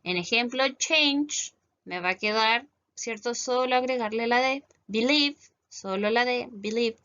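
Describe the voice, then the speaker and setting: Woman, Chilean accent, teacher, unhurried delivery, patient step-by-step explaining, frequent checks for understanding, muffled lo-fi sound. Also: on the high side, bright, forceful tone, smooth. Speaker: English teacher. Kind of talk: recorded online class.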